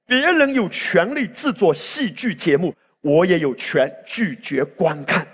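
A man's voice: high voice, expressive, measured pace, a bit bright, husky. A male pastor preaching a sermon with impassioned delivery that swells into exclamations, recorded in a church hall. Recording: reverberant hall sound.

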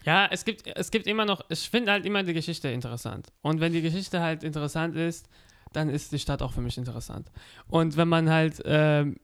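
Smooth-voiced young man chatting. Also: on the high side, a little fast. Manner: relaxed, hedging, fond of filler agreement. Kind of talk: casual chat.

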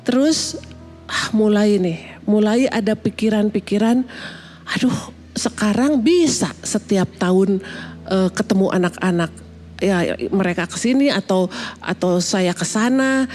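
A woman in her fifties from Indonesia, a pastor giving a personal testimony sermon, halting and emotional, with many fillers and restarts. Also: medium pitch, a little mellow, faint music behind. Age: 50s.

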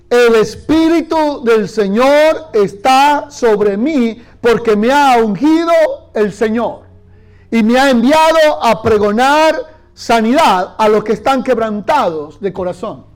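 Very high-voiced male pastor preaching. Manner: leads the congregation in call-and-response; storytelling, addressing the church directly. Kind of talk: sermon.

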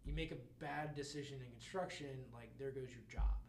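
A man's voice: medium pitch, a little fast, darkish tone, a little hiss or hum. A man chatting casually on a podcast, rambling with many asides and laughs. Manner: rambling, lots of fillers and laughs. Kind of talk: casual chat. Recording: roomy echo, faint ambience.

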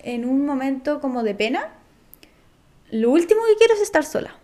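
A woman's voice: high-pitched, big pitch swings, moderate pace, a little mellow. A young woman from Chile with a Chilean accent, chatting casually as a podcast guest, rambling with slang and fillers. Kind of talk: casual chat.

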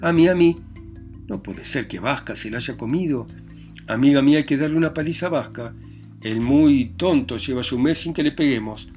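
Frantic, shouting elderly husband played by a male narrator, storybook reading. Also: medium pitch, fairly quick, soft background music, lightly acted. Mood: fussing. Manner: loud, blustering and frantic. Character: flustered, jealous old husband, shouting for help.

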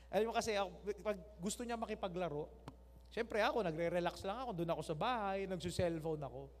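A Filipino man in his thirties delivers a sermon in a big church hall, and his voice sits very high for a man. He preaches in a playful, animated way, acting out little scenes with voices for his wife, his child and a scolding mother. A long reverb trails his words through the room. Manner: animated, joking, acts out voices of family members. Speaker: pastor.

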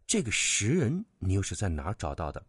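A man voicing a courteous country gentleman who asks his questions softly and politely. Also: low voice, huge pitch swings, a little fast, husky, no room sound, clean studio sound, exaggerated voice.

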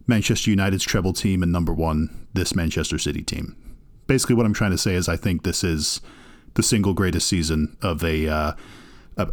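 Brief: low male podcast co-host, opinionated, teasing, filler-heavy. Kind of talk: casual sports chat.

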